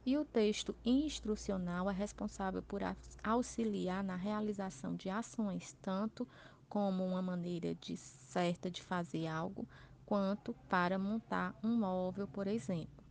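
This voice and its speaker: Brazilian lady teaching on tv, slow clear lists, bit of vocal fry. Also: mid-range voice, a little mellow, a little hiss or hum. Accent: Brazilian Portuguese. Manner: slow, clear listing of examples. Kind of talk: educational TV lesson.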